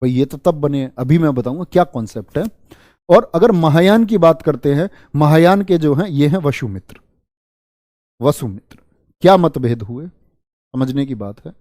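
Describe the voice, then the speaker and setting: Man, history tutor, soft deliberate delivery, repetitive quiz questions, mellow tone, dry close recording. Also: fairly high pitch, no room sound. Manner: speaks softly on purpose to spare his throat; drills facts with repeated questions and mnemonics. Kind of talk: online exam-prep history lesson.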